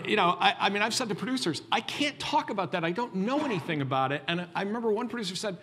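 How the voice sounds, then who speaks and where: Restarting, animated male panelist. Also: sits high, quick pace. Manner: thinking aloud with many restarts. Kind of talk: panel discussion answer.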